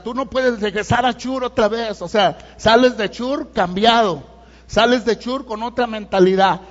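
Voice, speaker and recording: A middle-aged man with a Mexican accent delivers a sermon in a conversational way, checking in with his listeners as he goes. His voice sits high for a man. The sound is muffled and dull, and it trails off in the long reverb of a big church hall. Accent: Mexican Spanish. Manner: conversational preaching with frequent "¿verdad?" asides. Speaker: pastor.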